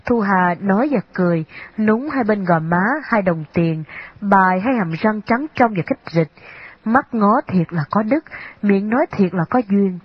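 A woman narrating a storybook in an even, unhurried reading manner. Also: medium pitch, breathy edge, no room sound. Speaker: audiobook narrator. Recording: slightly dull, dry lo-fi recording.

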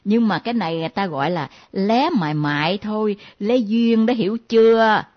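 An actress playing a nosy younger female friend who teases and mocks in a lively way. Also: mid-range voice, moderate pace, natural voice. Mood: mocking. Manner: teasing, lively, mimicking. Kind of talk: comedy sketch acting. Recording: dull lo-fi recording.

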